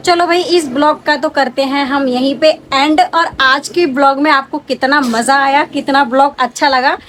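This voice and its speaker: A woman's voice: sits high, steady tone, moderate pace, a bit bright, slight background noise, poor audio. A talkative young woman vlogger, pregnant, chatting casually as she answers her viewers' questions. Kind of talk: casual chat.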